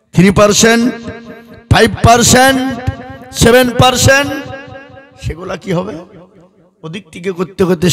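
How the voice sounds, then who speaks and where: High voiced preacher guy, singsong sermon, keeps asking the crowd stuff. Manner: rhetorical questions to the crowd, listing in rhythmic runs; half-sung cadence, swings from loud to soft. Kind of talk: sermon at an open-air religious gathering.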